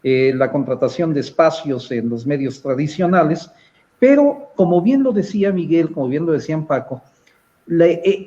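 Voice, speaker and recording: Mellow Mexican man analyzing politics. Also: on the high side, muffled recording. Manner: measured, analytical, with frequent hesitant fillers. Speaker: panelist. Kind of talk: political panel discussion.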